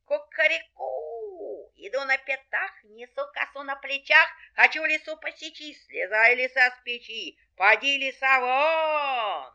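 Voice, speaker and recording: A woman voicing a bold rooster who crows loudly and fearlessly announces himself. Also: sits high, animated, a little slow, creaky, lo-fi sound, pitched above the performer's own voice, heavily acted. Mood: bold crowing. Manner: loud crowing, proud and fearless. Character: bold, loud rooster hero with a scythe.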